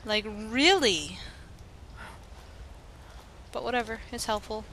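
A woman's voice: fairly high pitch, takes it slowly, pushed and bright, slight background noise. A young woman giving playful, sarcastic commentary over her gameplay, narrating her character in the third person. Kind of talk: playful let's-play commentary.

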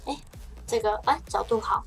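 A woman's voice: on the high side, moderate pace, gravelly, faint music behind. Chatty young Taiwanese woman streaming. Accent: Taiwanese Mandarin. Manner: chatty and rambling, with frequent stammered restarts. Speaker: livestreamer. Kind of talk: casual livestream chat.

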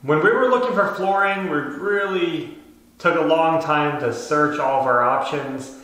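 A home renovation vlogger in his thirties talks casually to camera, explaining things from an empty bedroom being renovated. His slightly high voice is bright and forceful at a measured pace, and the bare room is very echoey.

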